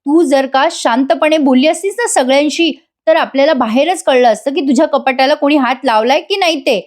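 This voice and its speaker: A woman's voice: high voice, fairly quick, voice pushed up, close to an everyday voice. A woman voicing an exasperated young husband who questions and scolds his wife, in a serial retold as a story. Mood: scolding.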